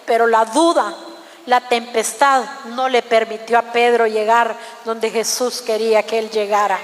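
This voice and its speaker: A woman's voice: fairly high pitch, flat delivery, measured pace, big-room sound. A woman preaching a fervent sermon, calling out to the congregation again and again. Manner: fervent, repeatedly addressing the congregation as brothers.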